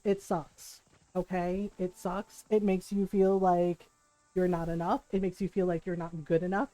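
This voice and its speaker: On a low-quality recording with no echo, a woman with a medium-pitched voice chats on a live game stream. Raised speaking Tagalog, English and Spanish, she tells stories candidly and animatedly, cursing freely.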